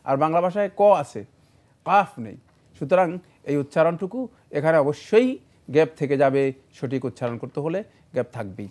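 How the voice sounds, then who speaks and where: A man answering religious questions on a studio show, in a measured, explanatory way with frequent fillers. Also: fairly high pitch, animated, a little mellow. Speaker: Islamic scholar answering questions.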